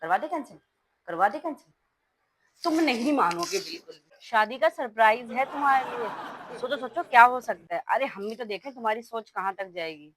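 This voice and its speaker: Middle-aged woman, high voice, melodramatic scolding mother in comic sketch. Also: expressive, a little fast, background noise. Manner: dramatic, scolding, exaggerated. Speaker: comedy vlogger playing a mother-in-law.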